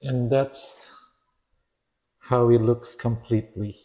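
Male collector reviewing figures; casual, halting, self-correcting, slow and warm-toned. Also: mid-range voice, steady tone. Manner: hesitant, restarts and corrects himself. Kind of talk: casual product review narration.

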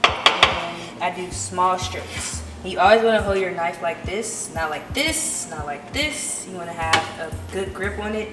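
A woman's voice: fairly low pitch, a little slow. Woman chef teaching in a kitchen. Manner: instructive, step-by-step. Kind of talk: cooking demonstration. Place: home kitchen. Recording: roomy distant camera audio with loud music. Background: loud background music.

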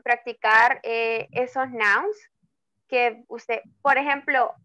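Patient teacher type, woman, slow and clear, keeps checking in with students, muffled video-call sound. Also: on the high side, fairly even intonation, pushed and bright, dry recording. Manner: slow, drawn-out example words, frequent checking "¿ok?". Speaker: English tutor. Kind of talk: online class explaining grammar in Spanish.

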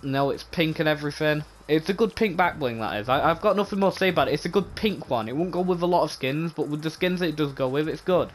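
A man giving casual, rambling commentary on game items, often repeating himself, with a voice going hoarse. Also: a little high, fast, few pauses, a little hiss or hum. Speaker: gaming channel host.

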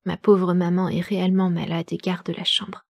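A woman reading aloud the letter of a distressed young woman, in a measured, sorrowful way. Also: lowish voice, little pitch movement, vocal fry, no echo. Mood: anxious.

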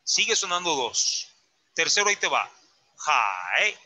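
A man's voice: a little high, animated, unhurried, pushed and bright, rough recording. A man teaching a Mandarin lesson, patiently correcting a student's tones step by step. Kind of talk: online language lesson.

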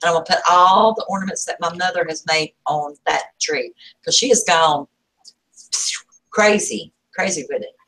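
A woman's voice: fairly low pitch, moderate pace, a bit bright, poor audio. A woman, chatting casually on a craft vlog and reading out viewer comments. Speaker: craft vlogger. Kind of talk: casual live chat.

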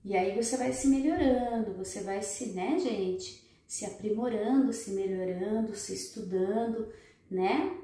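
A woman's voice: medium pitch, measured pace, mellow. A woman giving emphatic, repetitive relationship advice straight to her viewers. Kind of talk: motivational advice talk to viewers. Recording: very echoey room, far from the mic.

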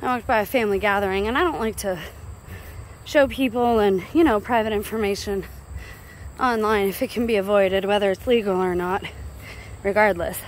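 An American woman with a mid-range voice vlogs as she walks along a rural road, speaking at normal speed into a handheld phone. Her monologue is casual, chatty, digressive and confiding. The roadside noise around her is recorded clearly.

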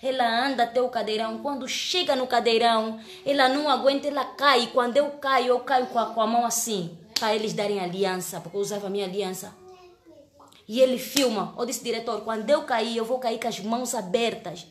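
A woman's voice: fairly high pitch, steady tone, brisk, echoey room, a little hiss or hum. A woman, an actress telling a story in a casual live-stream chat, earnest and emotional, often restarting her words. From Angola.

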